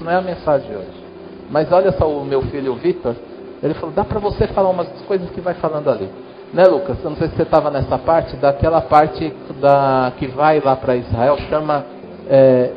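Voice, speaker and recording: Brazilian pastor guy preaching in church, kinda high voice, chatty, talks right to the people, muffled recording w/ a little hiss. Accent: Brazilian Portuguese. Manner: conversational preaching, addresses congregation directly. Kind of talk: sermon.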